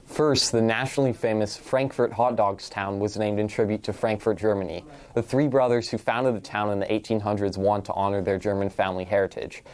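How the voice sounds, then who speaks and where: A young man with a smooth, resonant, somewhat low voice narrates a school TV segment. He reads from a script, explaining background facts in an informative way. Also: steady tone, brisk, darkish tone. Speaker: student presenter.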